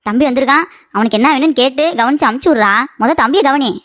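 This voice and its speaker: A woman voicing a bickering older mother-in-law in a cartoon comedy, scolding with quick sarcasm. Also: sits high, a bit bright, no echo, clean studio sound.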